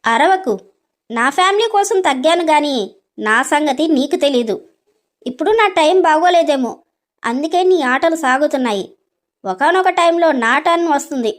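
A woman voicing a bold, clever young woman in an animated storybook, talking back with defiance and sarcasm. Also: high-pitched, moderate pace, pauses often. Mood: taunting. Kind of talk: storybook voice acting.

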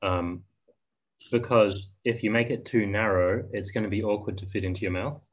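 A man demonstrating spoon carving on a video call, talking in a soft, hesitant way with frequent ums and restarts. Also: fairly low pitch, steady tone, normal speed, low-quality recording. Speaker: spoon carver giving a demo. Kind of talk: casual video-call discussion.

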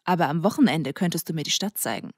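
A woman's voice: deep voice, animated, fast talker, no echo, clean studio sound. Woman reading a teasing, easygoing teen boy. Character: teasing, self-assured teenage boy. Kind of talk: audiobook character voice.

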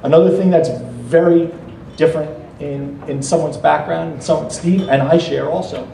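A middle-aged American man giving a formal introductory speech at a gala, measured and earnest with occasional light jokes. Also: on the high side, steady tone, vocal fry, dark tone, a little hiss or hum. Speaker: speaker introducing the keynote at a political gala. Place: banquet hall stage at a podium. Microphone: podium microphone, filmed from across the room. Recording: echoey hall from far off.

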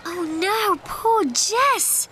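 A woman's voice: extremely high pitch, expressive, drawn-out words, heavy background noise, full character voice. A woman voicing an eager, anxious little boy in a children's cartoon, childlike and exclamatory. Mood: worried. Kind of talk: children's stop-motion cartoon acting. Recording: loud music behind the voice.

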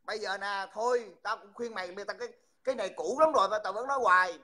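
A man's voice: high-pitched, quick pace, pushed and bright. A man, hosting a livestream and mockingly insulting someone over and over. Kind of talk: heated livestream taunting.

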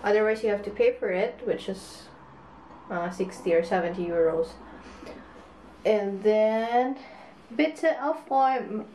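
A woman's voice: mid-range voice, animated, unhurried, pauses often, dark tone. A young woman with a Filipino accent chatting casually to a camera, mixing Tagalog into English and trailing off. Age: young adult. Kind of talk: casual chat vlog. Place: apartment kitchen indoors. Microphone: camera at arm's length. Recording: roomy kitchen, light background noise.

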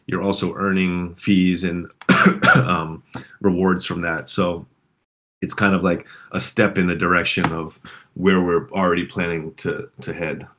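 A man's voice: sits low, little pitch movement, measured pace, fairly bright tone. A man with a sore throat hosting a casual community call, rambling with fillers and restarts.

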